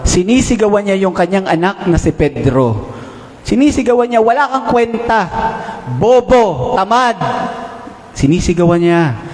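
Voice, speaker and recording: A man with a Filipino accent preaching in a church, his voice sitting high and his delivery unhurried. Key lines are drawn out slowly, the pitch swinging up and down. The sound rings with the long reverb of a large room. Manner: animated, swings pitch up and down, drawn-out emphatic English phrases. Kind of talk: sermon. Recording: echoey hall, long reverb.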